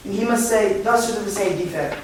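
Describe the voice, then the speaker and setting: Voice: medium pitch, fairly quick, background noise, natural voice. A performer playing a bossy, self-important amateur actor who fusses over a play, speaking on stage. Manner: bossy, fussy. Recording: echoey hall from far off.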